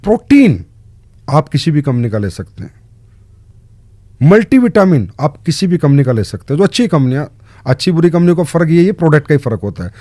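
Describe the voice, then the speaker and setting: A man's voice: on the high side, very animated, a little fast, dark tone, no echo, clean studio sound. A man answering interview questions in an earnest way, stressing points with short repeated commands. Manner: emphatic, lists short commands. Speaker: guest in direct selling.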